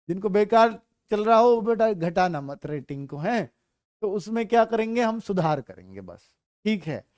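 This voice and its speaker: एक पुरुष शिक्षक ऑनलाइन कक्षा में बच्चों को हिंदी वर्णमाला पढ़ा रहा है, मज़ेदार किस्से सुनाता है और बच्चों की नकल करके दिखाता है।. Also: male voice, sits high, darkish tone, no room sound, clean studio sound. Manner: playful, uses silly stories and acts out children. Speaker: teacher. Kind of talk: online Hindi grammar class.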